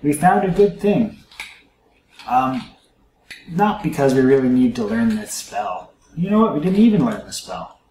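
A man's voice: mid-range voice, big pitch swings, measured pace, warm tone, a little hiss or hum. Guy chatting thru his game for viewers, echoey room, faint clatter behind. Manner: chatty, musing aloud to viewers. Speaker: let's play host. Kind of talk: casual gameplay commentary.

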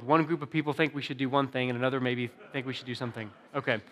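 A young adult man preaches a sermon in an easygoing, self-deprecating way, often restarting his sentences. His voice sits a little high for a man. The sound carries the long reverberation of a church sanctuary. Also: a bit bright. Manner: conversational, self-deprecating, frequent restarts and fillers. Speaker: pastor.

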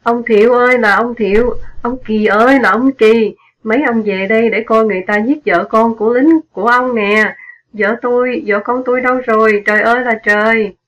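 A woman's voice: mid-range voice, moderate pace, lo-fi sound, close to an everyday voice. A woman voicing a poor, grieving middle-aged former soldier who laments his wife's death in a mournful, wailing tone.

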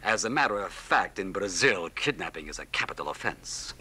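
Formal deadpan cop boss, menacing, low-ish with swoopy intonation, tv drama. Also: male voice, a little fast, husky, exaggerated voice. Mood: dry menace. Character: dry, menacing Brazilian police inspector. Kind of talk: 1980s TV action drama dialogue. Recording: TV soundtrack with music.

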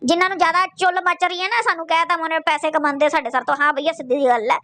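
A woman's voice: extremely high pitch, fairly even intonation, very fast, bright, forceful tone. A woman roasting someone in crude, mocking, scolding commentary full of profanity.

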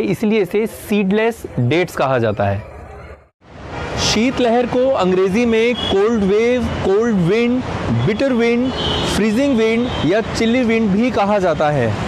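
A young man, a native Hindi speaker, teaching English vocabulary in a casual video lesson, spelling out English examples slowly. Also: high-pitched, darkish tone. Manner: explains slowly, says English examples deliberately.

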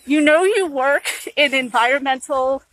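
A woman's voice: high-pitched, normal speed, fairly bright tone, rough recording. A woman talking through a face mask, casually explaining things as a nature guide on an outdoor hike. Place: outdoors on a hiking trail.

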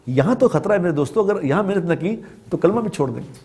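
A man's voice: sits high, expressive, dark tone. A man from Pakistan giving a religious talk, telling a story with repeated phrases for emphasis. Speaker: preacher.

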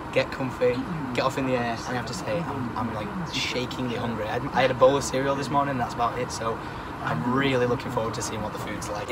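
A young man in his twenties, chatty and excitable, vlogging casually from his aircraft seat into a phone held at arm's length. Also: mid-range voice. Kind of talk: casual travel vlog. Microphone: handheld phone at arm's length. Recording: loud engine and cabin noise.

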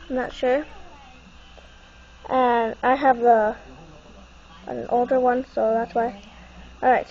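High-voiced young woman, stuffy nose. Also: darkish tone. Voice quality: stuffy, congested-sounding nasal voice. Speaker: tutorial presenter. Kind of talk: casual unscripted how-to walkthrough. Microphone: handheld phone. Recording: muffled, noisy phone camera recording.

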